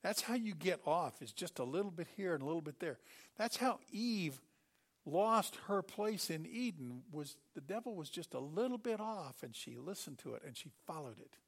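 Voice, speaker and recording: Middle-aged guy preaching, kinda high voice, acts out the stories. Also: normal speed. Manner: animated storytelling, acting out the characters in his stories. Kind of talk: sermon.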